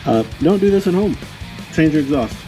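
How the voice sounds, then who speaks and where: A man's voice: on the high side, lively intonation, a little fast, over music. A man giving casual how-to narration as he works, with a tongue-in-cheek, wry way of talking. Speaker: host of a DIY motorcycle garage video.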